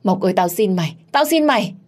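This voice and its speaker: A woman's voice: on the low side, unhurried, a little mellow, breathy edge, voice pushed up. A woman doing a stammering, terrified guilty woman. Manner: stammering, panicky shrieks. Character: frightened guilty scheming woman, middle-aged.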